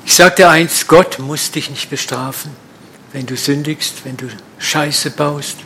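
Mann, Prediger, direkter Ton, etwas höhere Stimme, Predigt mit Folien. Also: male voice, a little high, unhurried, bright, forceful tone, a little hiss or hum. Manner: direct, colloquial, blunt preaching. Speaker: preacher. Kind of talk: sermon with slides.

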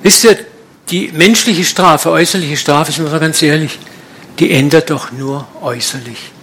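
Predigender Mann, direkt und umgangssprachlich. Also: male voice, on the high side, moderate pace, fairly bright tone. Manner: direct, colloquial, blunt preaching. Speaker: preacher. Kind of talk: sermon with slides.

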